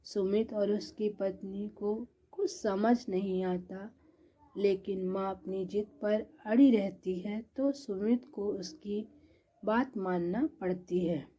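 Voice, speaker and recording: A woman narrates a family tale in a slow, measured way. Her voice is very dark and husky. The recording sounds dull and lo-fi. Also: mid-range voice, fairly even intonation. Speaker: storyteller. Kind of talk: scripted story narration.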